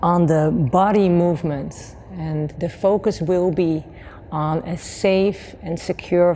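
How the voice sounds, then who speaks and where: Woman, yoga teacher, mellow low voice, faint noise behind. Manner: calm, gentle instruction. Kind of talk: guiding a class.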